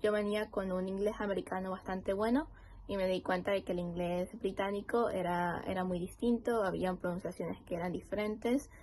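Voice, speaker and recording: A woman's voice: mid-range voice, steady tone, a little fast, a little mellow, a little hiss or hum. A woman with a Venezuelan accent reflecting articulately on life as a migrant. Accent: Venezuelan Spanish. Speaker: interviewee. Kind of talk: reflective testimony.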